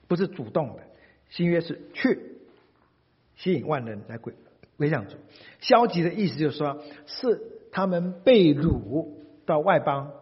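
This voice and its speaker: A man preaching a sermon in a lively, humorous way, acting out the people he quotes. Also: a little high, breathy edge. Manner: animated, humorous, acts out quotes. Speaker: pastor. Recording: dull recording, long hall reverb.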